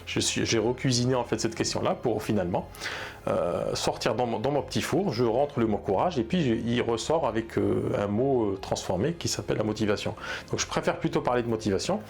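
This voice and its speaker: Animated and a little fast, a man coaches therapy practitioners in an off-the-cuff talk to camera, speaking earnestly yet haltingly, restarting often and leaning on fillers. His medium-pitched voice has vocal fry and a darkish tone, and he is a bilingual Arabic speaker.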